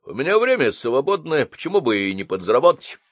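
A man's voice: medium pitch, very animated, fast talker, no room sound, pitched above the performer's own voice. A man voicing a lazy, shrewd male driver who grumbles stubbornly and justifies himself. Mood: grumbling.

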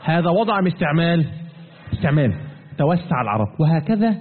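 A man teaching a Quran commentary class, lively, asking his students questions and answering them himself, and chanting verses slowly. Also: on the high side. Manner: recites verses in a slow chant. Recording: tinny phone-like line with long reverb.

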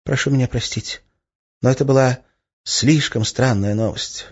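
A man's voice: medium pitch, slightly rough, lo-fi sound, pitched above the performer's own voice. A man voicing a grave, firm male sorcerer in an audiobook reading. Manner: firm, measured. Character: grave male sorcerer, genial but stern.

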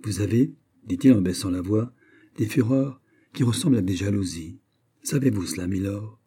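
A man reading aloud, voicing a calm, cold and proud young French nobleman in an audiobook. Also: lowish voice, moderate pace, husky.

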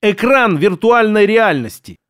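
An excitable, stubborn young know-it-all who shouts his theories with glee. A man puts him on as he reads the story. The voice runs high in a dry, close recording. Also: moderate pace, no room sound. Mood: triumphant. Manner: shouty, triumphant.

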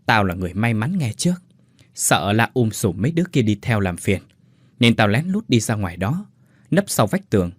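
A man's voice: on the low side, sing-song, normal speed, husky, dry recording, clean studio sound. A man voicing a blunt female factory worker who tells a sad tale and chokes up. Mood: sorrowful. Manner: bossy, scolding, then choked up.

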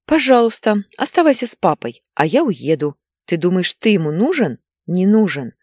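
Woman doing a shrill hysterical young mom, screaming, tearful, big wild pitch swings. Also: very animated, brisk, a little mellow, slightly rough, no echo, studio quality, heavily acted.

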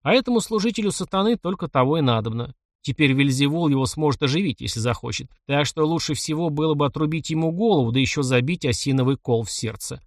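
A man's voice: a little high, animated, quick pace, few pauses, no echo, studio quality. A man voicing a blunt, superstitious soldier corporal who talks in folksy soldier speech. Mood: grim.

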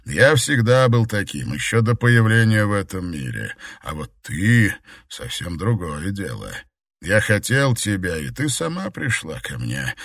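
A man voicing a scheming emperor in an audiobook, calm, measured and self-assured. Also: on the low side, no echo, studio quality, full character voice. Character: scheming emperor, middle-aged man, cold manipulator. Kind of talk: audiobook character voice.

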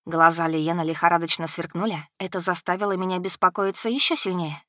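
A woman reading a novel aloud in a smooth, steady first-person narration on a close mic. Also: fairly low pitch, fairly quick, no room sound. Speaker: audiobook narrator.

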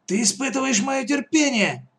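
A man's voice: very high voice, animated, normal speed, creaky, fairly bright tone, voice pushed up, heavily acted. Man putting on a bossy old pirate woman. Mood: impatient. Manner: bossy, mocking. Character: greedy fierce old woman pirate leader.

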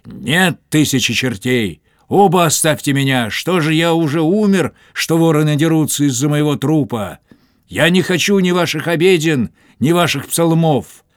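A man's voice: lowish voice, lively intonation, a little slow, no room sound, studio quality. A man voicing a stubborn, wounded captain who curses and refuses last rites, weak and in pain. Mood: defiant. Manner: gruff, scornful, swearing. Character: stubborn dying male captain, defiant, cursing.

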